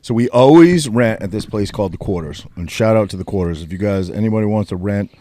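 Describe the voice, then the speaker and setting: Talking fast with lively intonation, a man co-hosting a podcast rambles through a road-trip story packed with swearing and fillers in a casual chat. His lowish voice is warm, and there is a little hiss or hum in the audio.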